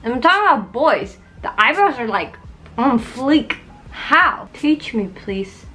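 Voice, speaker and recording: A woman's voice: sits high, sing-song, slow pace, pushed and bright, soft background music. A young woman casually chatting through a beauty tutorial at home, joking, rambling and yelping in pain. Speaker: beauty vlogger. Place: at home in front of a mirror.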